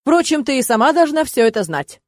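A woman's voice: sits high, sing-song, a little fast, a little mellow, no room sound, voice pushed up. A woman reading the part of a haughty, menacing count who speaks with scorn and pressure in an audiobook. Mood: scornful. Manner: contemptuous, pressing.

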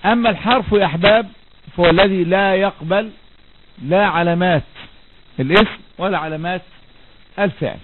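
A man's voice: high-pitched, fairly quick, long pauses. A man with an Egyptian Arabic accent teaching a grammar lesson, asking his students questions and answering them himself while repeating the key words. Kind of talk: classroom lesson. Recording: tinny lo-fi recording, faint background noise.

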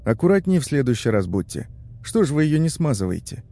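A man voicing an easygoing young trainee who talks in a casual, brisk way. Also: mid-range voice, big pitch swings, warm tone, pitched above the performer's own voice.

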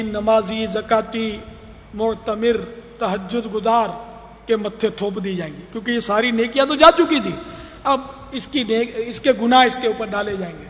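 A man's voice: high voice, fairly bright tone, long reverb tail, a little hiss or hum. A man preaching a sermon, telling stories and acting out the voices of people pleading. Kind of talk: religious sermon.

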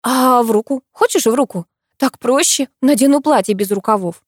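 A woman reading an audiobook, voicing a flustered, excitable young office woman who pleads and panics easily. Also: on the high side, no room sound, studio quality, voice pushed up, lightly acted. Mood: pleading. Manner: pleading, impulsive, quick to panic.

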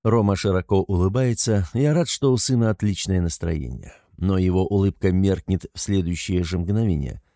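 A man's voice: deep voice, normal speed, hardly any pauses, mellow, no room sound, studio quality. A middle-aged man narrating a first-person audiobook in a wry, teasing manner.

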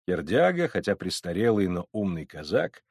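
A man's voice: low-pitched, very animated, normal speed, a little mellow, breathy edge, no echo, clean studio sound. A man narrating a classic story, reading expressively. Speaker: audiobook narrator. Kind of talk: scripted narration.

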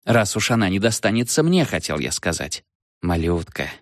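A man reading as a flustered young aristocrat in an audiobook, bleating and easily rattled. His low voice jumps up and down, and the sound is dry and close. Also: sing-song, fairly quick, fairly bright tone, no echo. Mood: tender.

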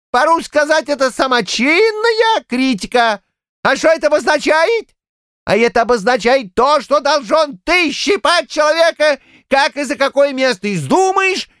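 A squeaky, cantankerous old village man, ranting in a shrill falsetto. The pitch jumps very high and swings wildly as he argues. The voice is dry and close. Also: lively intonation, moderate pace, dry recording. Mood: argumentative. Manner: heated, rambling, shouting outbursts.

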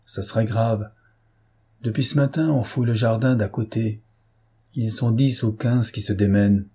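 Villainous gang boss in an audiobook, curt and menacing, clipped orders, dark husky tone, voiced by a man. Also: lowish voice, fairly even intonation, moderate pace. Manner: curt, commanding, hushed menace. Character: cold male gang leader giving orders.

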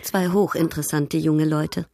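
In a radio drama, an actress plays a proud, worldly, coquettish baroness, speaking in a cultivated, slightly affected manner. Her low, mellow voice stays steady at a moderate pace, and her mood comes across as gracious yet evasive.

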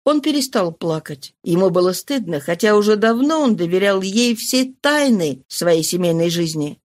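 A woman narrating an audiobook in a measured, even reading. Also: lowish voice.

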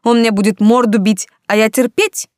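A woman's voice: on the high side, fairly even intonation, normal speed, a little mellow, no echo, pitched above the performer's own voice, close to an everyday voice. A woman voicing a bold, blunt young woman who teases her friend, in a dry close reading. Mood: teasing. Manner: blunt, teasing.

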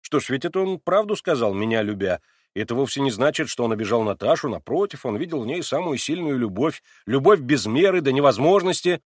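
A man reading a novel aloud and voicing an excitable young man who pleads and defends himself in a raised, plaintive voice. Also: medium pitch, brisk, no room sound, studio quality, voice pushed up, natural voice. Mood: plaintive, insistent. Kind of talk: audiobook character reading.

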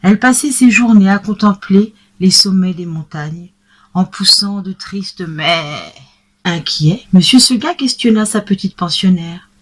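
A woman calmly narrating a classic tale in a measured storytelling manner. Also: medium pitch.

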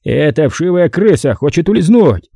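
A man voicing a blustering, loud middle-aged male studio boss with a hoarse, bellowing voice, read as an audiobook character. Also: fairly high pitch, big pitch swings, normal speed, dry recording, pitched above the performer's own voice, heavily acted. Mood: angry. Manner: shouts and gloats.

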